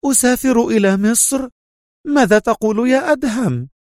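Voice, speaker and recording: A man's voice: high voice, lively intonation, fairly quick, no echo, clean studio sound, voice pushed up. A man putting on an anxious young woman agent. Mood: astonished.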